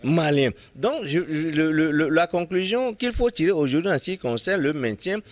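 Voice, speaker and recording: A man's voice: on the high side, animated. A man commenting in a studio political debate, arguing insistently and often restarting words as he builds his point. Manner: halting, restarts words while building an argument; emphatic, insistent reasoning.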